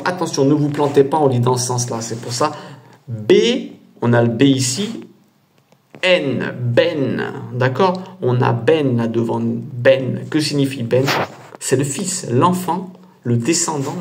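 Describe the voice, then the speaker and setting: A patient male instructor with a medium-pitched, slightly mellow voice teaches casually over a diagram. He walks through it step by step, frequently asking "d'accord?" to make sure listeners are following.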